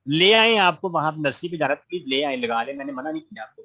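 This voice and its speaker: A man's voice: medium pitch, a bit bright. A man teaching an online gardening class, reading out students' questions and answering them patiently and encouragingly. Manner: friendly, encouraging, many religious phrases.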